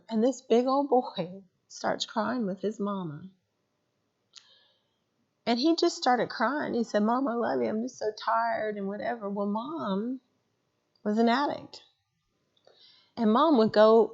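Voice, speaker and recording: Woman, training presenter, animated storyteller, middle pitch, muffled recording. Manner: animated storyteller who acts out quotes. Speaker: mental health trainer.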